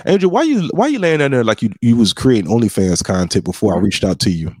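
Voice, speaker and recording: A male podcast host and comedian trading casual, boastful banter. His mid-pitched voice is husky, and he stretches out words for emphasis. The recording is close and dry, with no room sound. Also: fast talker, no room sound. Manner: boastful, animated trash talk with frequent laughs.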